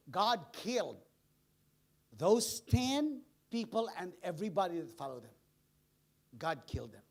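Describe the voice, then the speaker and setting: High, lively-voiced male pastor. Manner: playful, storytelling, often laughing. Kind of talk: live church sermon.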